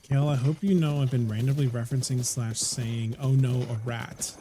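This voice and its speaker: A man's voice: medium pitch, steady tone, normal speed, mellow, slight background noise. A man casually chatting with his chat while streaming a game, laughing often and trailing off into restarts.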